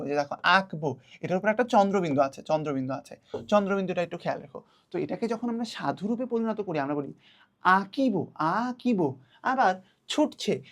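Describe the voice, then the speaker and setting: Patient young woman teaching a class. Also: medium pitch. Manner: patient, repeats key words slowly for children. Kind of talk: online class lesson.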